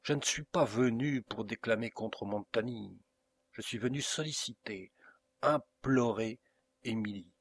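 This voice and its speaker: A man voicing a desperate, impassioned nobleman count in an audiobook, pleading with slow, vehement delivery. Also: mid-range voice. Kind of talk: audiobook character reading.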